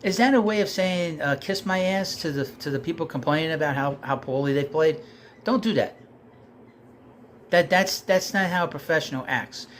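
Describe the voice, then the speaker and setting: This sports commentator vents casually about his team, turning heated and rising in pitch and loudness whenever he's frustrated, to the point of losing his voice. He speaks on the high side at a moderate pace, against slight background noise.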